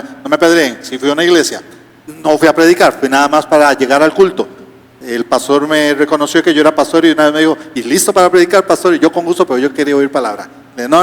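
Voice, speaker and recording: A male pastor, preaching a sermon with rhetorical questions and humorous asides. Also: on the high side. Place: church auditorium. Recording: reverberant church hall.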